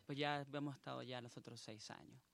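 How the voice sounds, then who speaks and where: A man's voice: mid-range voice, fairly even intonation, a little fast, creaky, a bit bright. A man from Venezuela, a band guitarist, talking about his group in a radio interview. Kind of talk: casual interview.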